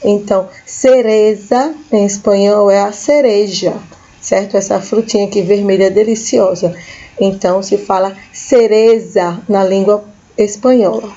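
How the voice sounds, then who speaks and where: Slow, mellow-voiced Brazilian teacher. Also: female voice, mid-range voice, steady tone, dull audio. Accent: Brazilian Portuguese. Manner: slow, patient, repeats each word for young learners. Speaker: school teacher. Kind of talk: recorded classroom lesson for children.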